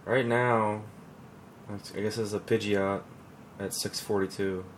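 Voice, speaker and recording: A man co-hosting a podcast in casual chat, relaxed and rambling with fillers and restarts. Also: on the low side, slow pace. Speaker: podcast co-host.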